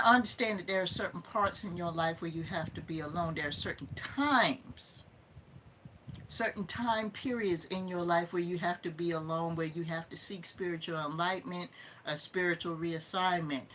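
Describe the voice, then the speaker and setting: A woman's voice: fairly low pitch, moderate pace, fairly bright tone, slight background noise. A Southern woman in her fifties hosting a casual livestream, emphatic and opinionated, repeating points for stress. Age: 50s. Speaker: livestream host.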